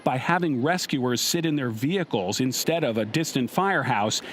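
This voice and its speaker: A man's voice: medium pitch, expressive, moderate pace, a bit bright, a little hiss or hum. American man narrating an investigative news exposé.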